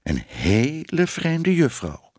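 A man's voice: mid-range voice, huge pitch swings, takes it slowly, darkish tone, dry recording, studio quality, voice pushed up, exaggerated voice. A man voicing two prim ladies gossiping about a stranger in a bakery. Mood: gossipy.

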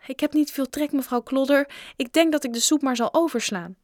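A woman's voice: sits high, fairly quick, a little mellow, dry recording, clean studio sound, pitched above the performer's own voice, natural voice. A woman voicing a polite, troubled rich schoolboy in a storybook reading. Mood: earnest.

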